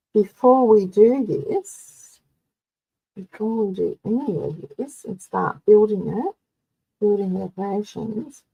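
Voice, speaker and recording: Aussie lady doing a card making stream, gravelly voice, talks slow and easy. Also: medium pitch, phone-quality sound, a little hiss or hum. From Australia. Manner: chatty, narrates each step to viewers. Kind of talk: live crafting tutorial.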